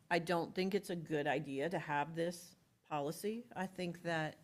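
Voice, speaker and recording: A woman school board member with a somewhat low voice, speaking in a meeting room. She is direct and presses with pointed questions during the discussion. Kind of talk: deliberating at a public board workshop.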